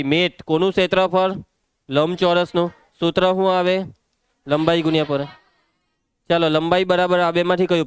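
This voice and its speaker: A young man with a Gujarati accent teaching a maths class, working through problems briskly, quizzing pupils by name and telling them to settle down. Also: high-pitched, clear, resonant tone, dry recording. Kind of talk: live classroom lesson.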